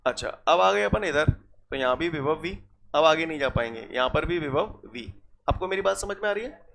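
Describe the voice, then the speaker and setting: Gravelly-voiced male physics teacher. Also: fairly high pitch, animated, moderate pace, a bit bright. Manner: checks in with students often. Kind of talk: classroom lecture.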